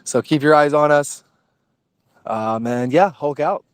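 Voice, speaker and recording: A man's voice: on the high side, a little slow, clean tone, dry recording. A man hosting a casual community voice chat, upbeat and rallying his listeners. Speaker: crypto community host.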